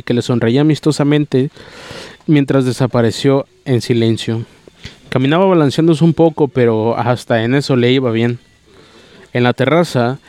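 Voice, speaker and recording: A man reading a novel aloud at a steady pace, sometimes stumbling and restarting a word. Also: medium pitch. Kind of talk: audiobook reading, plain voices for characters.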